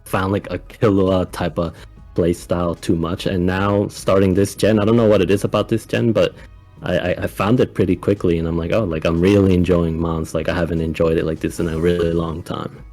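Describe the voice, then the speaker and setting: A young man from Ecuador, now living in the United States, talking calmly and casually as a guest in an interview. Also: low voice, brisk, soft background music. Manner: calm, laid-back, soft-spoken with frequent laughs. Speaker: guest coach.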